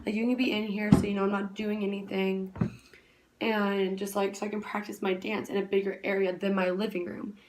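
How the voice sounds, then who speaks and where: A young woman vlogging in a relaxed, chatty way. She rattles through her story at high speed and fills it with "like" and restarts. Her voice sits at an ordinary middle pitch. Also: a little hiss or hum. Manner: talks very fast, rambling with many "like" fillers. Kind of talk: casual chat.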